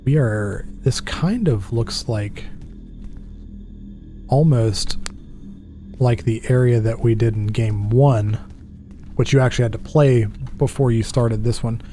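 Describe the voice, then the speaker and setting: A casual guy in his 30s hosts a gaming channel, narrating a spooky horror game as let's play commentary from his desk in a small dark room. With a mellow voice through a headset and desk mic, he's chatty and self-mocking, and his pitch jumps around nervously. Soft music plays in the background.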